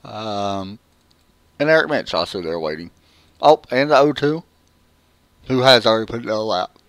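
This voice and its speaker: A man's voice: on the low side, animated, normal speed, fairly bright tone, clear, resonant tone, no echo. A man with a Southern US accent giving casual, chatty live race commentary and interviewing drivers. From American South. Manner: casual, chatty, with frequent fillers. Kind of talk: live sim-racing commentary.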